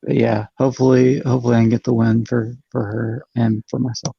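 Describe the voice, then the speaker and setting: A man competing in an online trivia match, wisecracking and chiming in with quick jokes over dull lo-fi call audio. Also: medium pitch, level tone, gravelly, husky, no echo. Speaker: trivia contestant. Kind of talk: casual online show banter.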